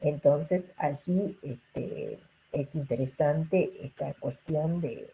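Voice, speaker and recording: A woman's voice: low-pitched, slow, creaky, lo-fi sound, a little hiss or hum. A woman giving an online lecture to students over a video call. She keeps checking in with her listeners through rhetorical questions and fillers. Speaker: linguistics lecturer.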